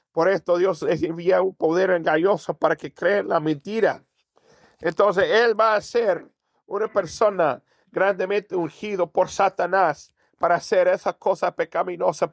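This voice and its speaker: A man preaches a sermon to his congregation, his voice sitting fairly high. He keeps asking rhetorical questions and answering them himself. The sound is dry and close, with little room around it. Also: dry recording. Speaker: pastor.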